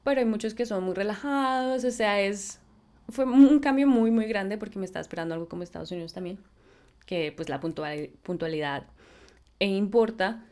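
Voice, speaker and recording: A Colombian woman chatting straight to camera in a relaxed vlog. Her voice sits in an ordinary middle range, and her talk is loose and friendly, with English phrases slipped in here and there. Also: mid-range voice, moderate pace. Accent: Colombian Spanish. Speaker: vlogger.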